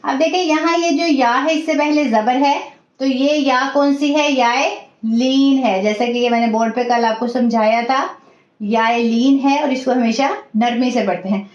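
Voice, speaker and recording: A woman teaching an online class, reciting each sound slowly and carefully. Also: high-pitched, fairly even intonation. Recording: echoey dull room audio.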